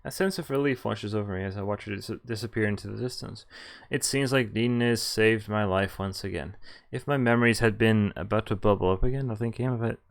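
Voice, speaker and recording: A man with a lowish voice and vocal fry reads a visual novel aloud as a streamer, talking a little fast. The read-aloud playthrough is casual, with him stumbling over lines now and then and dropping in asides, while game music plays behind him.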